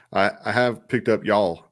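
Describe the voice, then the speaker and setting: A man co-hosting a casual live review show, easygoing and agreeable, chuckling often. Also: on the low side. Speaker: co-host of a soda review show.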